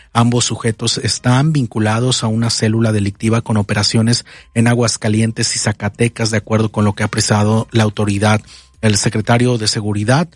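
A man with a Mexican accent hosting a radio news programme in a formal, measured way with some hesitant pauses. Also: on the low side, no room sound, studio quality. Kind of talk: news presenting, partly read and partly ad-libbed. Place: dry radio studio.

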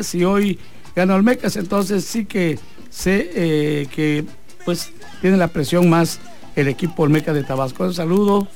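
High-voiced Mexican man on sports radio. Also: a little mellow. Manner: chatty, reads messages aloud and adds advice. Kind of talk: radio talk, reading listener messages. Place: radio booth.

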